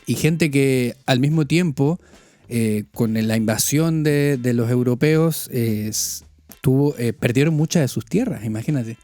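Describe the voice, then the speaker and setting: A man's voice: mid-range voice, a little slow, mellow, dry recording. A man from northern Chile with a Chilean accent, hosting a podcast in casual conversation, chatty with many restarts. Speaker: podcast host. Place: living in France.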